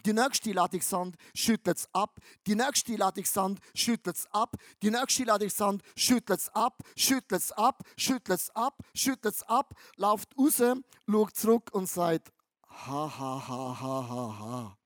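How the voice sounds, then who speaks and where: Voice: mid-range voice, measured pace, hardly any pauses, no echo, studio quality. A preacher giving a sermon, talking emphatically with lots of slang and repeating phrases for effect. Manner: emphatic and repetitive, with slang-laden storytelling.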